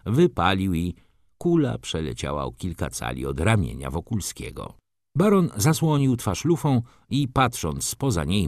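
A man narrating a classic novel as an audiobook, in an expressive, dramatic storytelling manner. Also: on the low side, no echo, clean studio sound.

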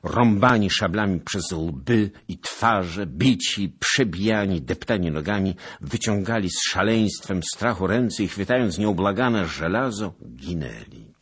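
Man, very low voice, husky and raspy, slow, lively intonation, dramatic audiobook narration. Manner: dramatic, expressive reading. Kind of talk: audiobook narration of a historical novel.

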